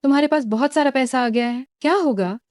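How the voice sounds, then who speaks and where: A woman's voice: sits high, fairly quick, a little mellow, no echo, studio quality, natural voice. An actress dubbing a desperate young ex-girlfriend who pleads and clings. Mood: pleading. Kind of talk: dubbed drama dialogue.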